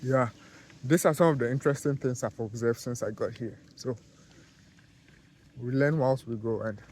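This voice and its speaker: A Ghanaian-accented car detailer talks casually to camera in a vlog, speaking haltingly with fillers and restarted sentences. His voice is middle-pitched with a darkish tone, and there is a little hiss or hum.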